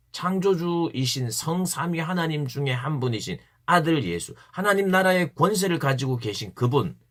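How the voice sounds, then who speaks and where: A man's voice: a little high, a bit bright. A man giving an earnest devotional Bible talk to teenagers as a youth pastor, stressing points by repeating key phrases.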